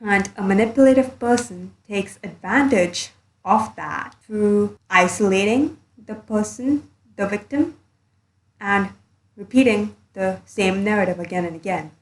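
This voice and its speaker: A woman's voice: mid-range voice, measured pace. Woman YouTuber, blunt commentary, recorded under a blanket, echoey sound. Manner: blunt, earnest, a bit sweary. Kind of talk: casual commentary monologue.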